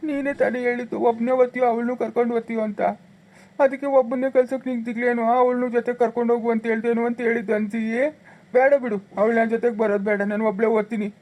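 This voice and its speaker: A woman's voice: on the high side, flat delivery, very fast, phone-quality sound, lightly acted. A woman playing a guilty village husband who begs his wife for forgiveness, speaking with a rural Chikkaballapura Kannada accent in a pleading way. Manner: pleading and begging. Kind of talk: village family drama skit.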